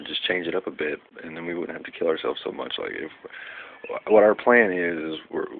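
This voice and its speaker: A young man rambling casually in a vlog, full of fillers and losing his train of thought. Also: a bass voice. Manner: rambling, loses track, many fillers. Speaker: vlogger. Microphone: phone. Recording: tinny phone recording with faint noise.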